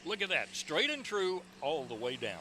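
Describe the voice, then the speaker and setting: A man's voice: fairly high pitch, very animated, moderate pace, bright, forceful tone. A man hosting as a tractor pull announcer, presenting play-by-play commentary. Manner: presentational, introducing and recapping. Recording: noisy outdoor track with engine noise. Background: outdoor ambience and vehicle engines.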